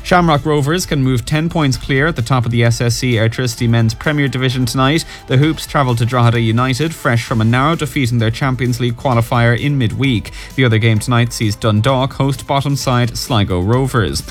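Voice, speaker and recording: A man's voice: medium pitch, a little fast, hardly any pauses, soft background music. An Irish man reading a scripted sports bulletin on the radio as a newsreader.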